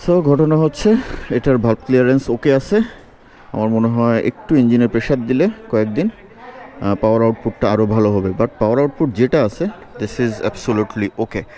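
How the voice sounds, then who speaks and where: A man's voice: mid-range voice, a little fast, warm tone. A man from Bangladesh, a motorcycle vlogger, talking bluntly and plainly and mixing in English phrases. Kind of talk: casual vlog talk. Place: outdoors on a city street.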